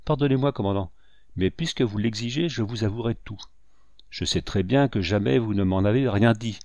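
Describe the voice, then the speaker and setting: Brief: male reader doing a contrite captain begging forgiveness, fairly low voice, dry close sound. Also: moderate pace, a little mellow, no room sound, muffled recording, natural voice. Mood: pleading, contrite. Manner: humble, pleading, contrite. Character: devoted, remorseful male captain, humble and pleading.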